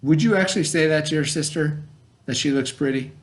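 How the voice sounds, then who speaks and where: A man speaks as a schoolteacher in a casual read-aloud and vocabulary lesson for a child, explaining things in conversation and making sure the child follows. His voice is on the high side and fairly quick.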